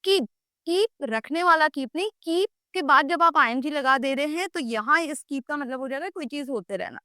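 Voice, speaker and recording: A woman teaching English grammar, explaining in Hindi and repeating English example sentences slowly and with emphasis. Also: high-pitched, lively intonation, sharp tone, no room sound, studio quality. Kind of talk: bilingual grammar lesson.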